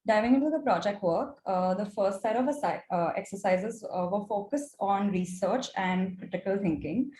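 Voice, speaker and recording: Presenting her project as a mentorship student, a young woman with an Indian accent, whose native language is Gujarati, delivers a prepared talk at normal speed with hardly any pauses. Her medium-pitched voice is mellow. The recording has roomy echo and clear background noise.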